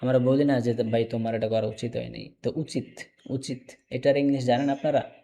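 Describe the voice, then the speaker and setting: A man teaching a casual online English class, repeating each word slowly for learners. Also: mid-range voice, level tone, gravelly, dark tone. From Bangladesh. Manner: repeats words slowly, drills.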